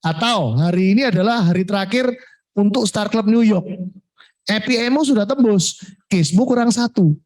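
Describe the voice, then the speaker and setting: A man giving a coaching talk to insurance agents, lively, mixing in English words and acting out what clients say. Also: high-pitched, moderate pace. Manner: lively, mixes in Javanese and English words, acts out client replies. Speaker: sales coach.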